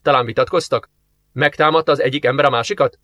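Man doing a brisk deputy commander giving orders, short commanding lines, dry close sound. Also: medium pitch, steady tone, pushed and bright, dry recording. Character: eager male deputy commander investigating a murder.

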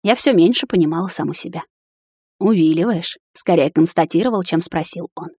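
Woman narrator, audiobook, low, husky, quiet, even. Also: quick pace, no room sound, clean studio sound. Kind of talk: first-person fiction narration.

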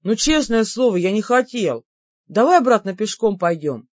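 A woman's voice: mid-range voice, very animated, moderate pace, no echo, lo-fi sound. A woman voicing a naive, apologetic young man who keeps begging his sister's forgiveness, in an audiobook. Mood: pleading, apologetic. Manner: pleading, sheepish.

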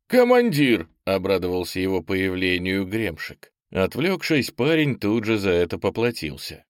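A man reading a fantasy audiobook in steady, measured scripted narration. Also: fairly low pitch, smooth, no echo, studio quality.

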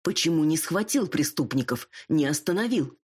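A fierce dragon matriarch who barks orders and scolds in a husky, raised voice, as a woman reader puts her on. She speaks slowly and heavily, and every line lands like a command. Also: sits low. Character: domineering older dragon mother, fierce.

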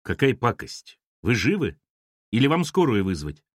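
A man's voice: medium pitch, sing-song, moderate pace, no echo, clean studio sound. A man voicing a flustered young man who asks urgent, startled questions. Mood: alarmed.

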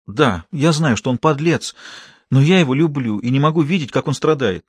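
A man reading an audiobook and voicing a tearful young woman nurse who begs softly and insistently. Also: medium pitch, animated, moderate pace, husky, no room sound, clean studio sound, pitched above the performer's own voice. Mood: pleading. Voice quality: soft, pleading. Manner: begging and insistent. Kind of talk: audiobook character voice.

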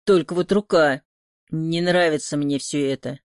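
A woman voicing a gruff injured man who grumbles with dry irony. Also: sits low, normal speed, a little mellow, no room sound, pitched below the performer's own voice, close to an everyday voice. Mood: grumbling.

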